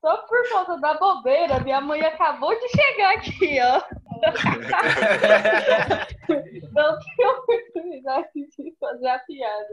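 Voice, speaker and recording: A woman's voice: high-pitched, sing-song, takes it slowly. A Brazilian woman chatting casually and jokingly on a football panel, on a dull, slightly noisy connection. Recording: dull lo-fi connection with faint noise.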